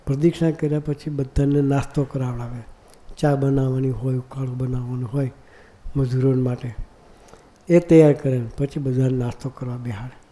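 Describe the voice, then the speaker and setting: A man delivers a devotional sermon in a deep, mellow voice. His pitch stays steady and level, and he keeps turning to the audience with rhetorical questions. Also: normal speed. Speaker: monk preacher. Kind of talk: devotional discourse.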